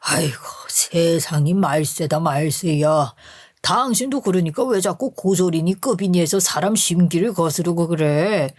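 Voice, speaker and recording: A performer voicing a flustered older father-in-law who shouts at his son and wife to calm down in a radio story drama. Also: medium pitch, moderate pace, few pauses, dry recording, clean studio sound, natural voice. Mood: exasperated. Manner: blustering, exasperated.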